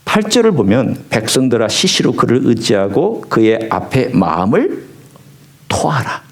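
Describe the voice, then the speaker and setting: A man preaching a sermon as pastor, swinging from low hushed lines to high emphatic ones. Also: very animated, measured pace, husky. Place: church sanctuary.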